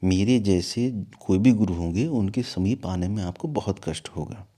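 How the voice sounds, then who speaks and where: The guru of an ashram, a man with a north Indian Hindi accent, tells a story in an interview before turning to a scolding lecture. His fairly low voice moves at a moderate pace, animated and scolding at times.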